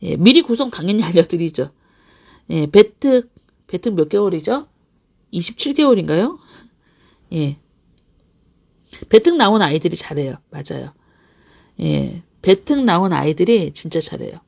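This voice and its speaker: A woman's voice: lowish voice, very animated, normal speed, vocal fry, long pauses, darkish tone. A woman running an English academy, talking casually to parents on a live stream and often laughing as she acts out examples. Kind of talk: live-stream talk answering parents' questions.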